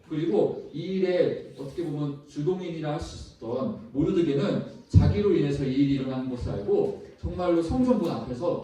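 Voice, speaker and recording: A man's voice: a little high, dark tone. A youth pastor preaching a sermon, telling a story and speaking directly to his listeners. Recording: echoey hall from far off.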